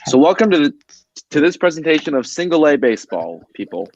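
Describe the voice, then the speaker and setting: A man joining as co-commentator on a trivia show, making deadpan jokes over dull lo-fi call audio. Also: fairly high pitch, fairly quick. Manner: deadpan joking. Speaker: guest co-commentator. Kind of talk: casual online show banter.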